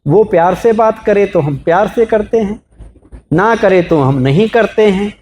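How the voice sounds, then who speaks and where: A man with a notably high voice gives a motivational talk to a live audience. He keeps asking the listeners questions, asks for raised hands and builds his points from everyday examples. A faint hiss of noise sits under the recording. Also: measured pace. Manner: explains with everyday examples, lively. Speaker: spiritual speaker.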